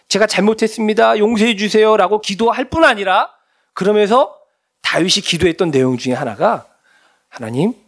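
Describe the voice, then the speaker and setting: Male pastor, middle-aged, sermon, conversational, rhetorical questions, high voice, lively intonation. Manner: animated, conversational preaching with frequent rhetorical questions.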